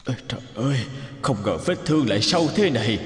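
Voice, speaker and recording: In a cartoon dub, a man voices a humble, injured old traveller, speaking hesitantly and apologetically between groans, sounding pained and humble. His medium-pitched voice is slightly rough, animated, and fast. Faint music plays behind.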